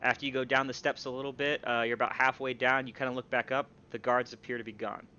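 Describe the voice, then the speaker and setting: A man narrating as game master of a tabletop role-playing game, describing scenes in a measured way. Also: medium pitch, level tone, bright, forceful tone, clean tone, dull audio.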